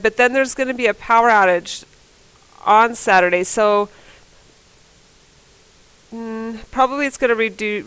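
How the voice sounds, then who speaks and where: A woman's voice: on the high side, a bit bright, clear, resonant tone, dry recording, low-quality recording. A woman teacher with a cold, working through math problems on a board in a casual, think-aloud way and correcting herself as she goes. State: fighting a cold. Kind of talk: recorded classroom lesson, working problems on a board.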